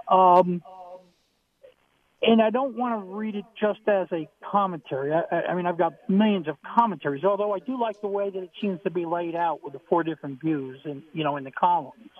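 A man calling in to a radio show over the phone, asking a question hesitantly with many fillers and restarts. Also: sits high. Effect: heard over the phone. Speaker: caller. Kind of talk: casual call-in question. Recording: tinny phone line.

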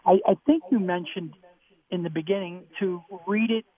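A man's voice: high voice, moderate pace, husky. A man calling in to a radio show over the phone, asking a question hesitantly with many fillers and restarts. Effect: heard over the phone. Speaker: caller. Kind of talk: casual call-in question. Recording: tinny phone line.

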